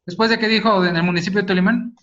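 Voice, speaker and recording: Male teacher, high bright voice, patient explainer; dull video call audio. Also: steady tone, fast talker, background noise. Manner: explanatory, checks with "¿sí?" and "¿no?". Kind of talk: videoconference lesson on phonetics.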